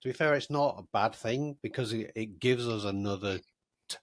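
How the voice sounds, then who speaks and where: A man's voice: on the low side, normal speed, no room sound, clean studio sound. A man with a Mancunian accent, co-hosting a casual podcast chat and often repeating words as he starts a sentence. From Manchester, England. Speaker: co-host.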